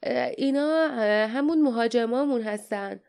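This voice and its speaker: A woman doing a shrill, fawning male traitor. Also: vocal fry, a little mellow, clear, resonant tone. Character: cowardly scheming male traitor, red-bearded.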